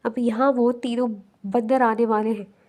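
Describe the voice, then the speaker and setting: Quick, playful scheming friend, read by a woman in a romance audiobook. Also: a little high, steady tone, darkish tone, close to an everyday voice.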